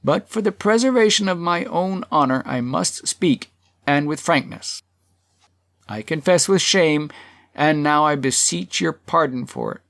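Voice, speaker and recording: A man's voice: on the high side, dry recording. A man voicing a self-righteous male townsman who defends himself in an earnest, persuasive public speech in a storybook reading.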